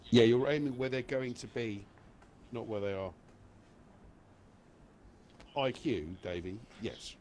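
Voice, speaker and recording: A man's voice: medium pitch, slow, pauses often, a little mellow, a little hiss or hum. A man chatting casually and playfully on a gaming livestream, explaining tactics and joking with viewers. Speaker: live streamer and gaming community host. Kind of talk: casual chat and game advice on a livestream.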